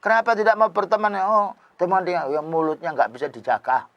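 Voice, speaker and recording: Male preacher, higher voice, dry close mic, animated storytelling. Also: brisk, no echo, muffled recording. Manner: animated storytelling, voice swings from loud to hushed, acts out quotes. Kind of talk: sermon.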